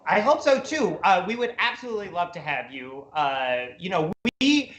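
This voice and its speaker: A man's voice: sits high, big pitch swings, fairly bright tone. Chatty host man, roomy echo. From Minnesota. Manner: upbeat, chatty, halting with fillers. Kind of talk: hosting a comedy panel. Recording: roomy echoey sound.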